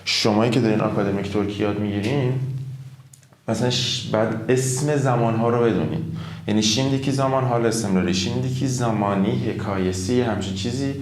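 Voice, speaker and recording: A man gives a relaxed, improvised language lesson and keeps asking his listeners to repeat after him. His voice sits low. The room around him rings with a clear echo. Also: slight background noise. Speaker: Turkish teacher. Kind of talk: casual classroom lesson. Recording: roomy echo.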